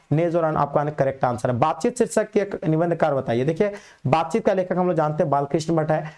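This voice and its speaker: A man teaching an exam revision lesson, quizzing students in a brisk, repetitive way and calling them "babu". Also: a little high, darkish tone.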